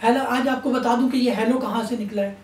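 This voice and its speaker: A woman's voice: fairly high pitch, steady tone, a little mellow. Woman, Islamic sermon, stern, admonishing, echoey room, distant mic. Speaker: religious speaker. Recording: roomy echo, distant mic.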